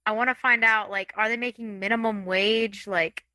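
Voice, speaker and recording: Female player, sharp bright tone, pushy, dry room. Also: mid-range voice, fairly even intonation, moderate pace, no echo. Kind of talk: playing a tabletop game.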